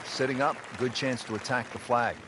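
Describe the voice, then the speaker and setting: A man's voice: mid-range voice, steady tone, moderate pace. A man giving play-by-play golf commentary as a broadcast announcer. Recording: music and crowd noise behind.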